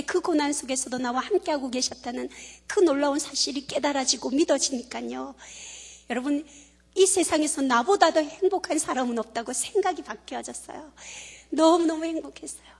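A woman, a church deaconess, giving a testimony that moves from playful jokes to earnest, hushed faith talk. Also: sits high, fairly quick. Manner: playful, animated, turning soft and hushed. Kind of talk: humorous then earnest testimony. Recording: long church-hall reverb.

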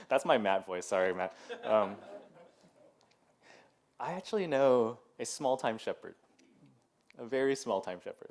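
A man in his thirties, serving as pastor, gives a relaxed sermon in a church sanctuary, chatting freely with plenty of "um" and "like" and asides that make him laugh. His voice is lowish with a darkish tone.

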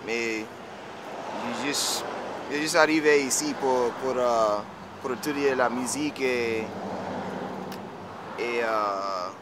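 A man's voice: mid-range voice, slow pace, long pauses. A man in his twenties from Texas with a Cajun and Creole French accent, answering interview questions casually and searching for words. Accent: Louisiana French, Creole and Cajun. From Texas, United States. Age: 20s. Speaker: musician being interviewed, fiddler. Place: outdoors in a yard by a house and street. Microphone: camera mic a short distance away. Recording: noisy outdoor camera recording.

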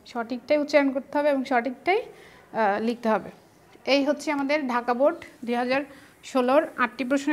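Female teacher, Bangladeshi Bengali accent, high pitched, patient step-by-step online lesson delivery. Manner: patient, explains step by step to students.

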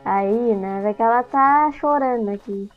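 Game music runs behind a dull, lo-fi recording of a young woman playing through a game for her YouTube channel. Speaking unhurriedly in a slightly high voice with a Brazilian Portuguese accent, she chats casually, talks back to the game, and startles easily.

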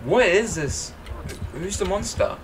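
A man's voice: high-pitched, sing-song, takes it slowly, vocal fry. A young man chatting casually while playing a game with a friend, laughing a lot and yelping when chased. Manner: laughs a lot, yelps and shouts mock French when chased. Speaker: gamer. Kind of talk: casual gaming chat.

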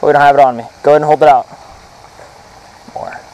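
A man's voice: a little high, fairly even intonation, fast, a little mellow. Upbeat young man vlogging about fishing. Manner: enthusiastic, addresses viewers directly. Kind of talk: casual vlog narration. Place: indoor den, then outdoors on a farm pond. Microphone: action camera.

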